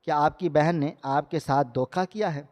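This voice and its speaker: A man voicing a calm, firm young man in a wheelchair in a storybook narration, with long hall reverb. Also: a little high, natural voice. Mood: quiet. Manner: firm, reproachful.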